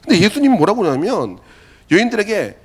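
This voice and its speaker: A man's voice: high-pitched, quick pace, breathy edge. A man preaching a youth sermon as pastor, telling stories and acting out quotes. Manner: animated storytelling, acts out quotes. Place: church worship hall.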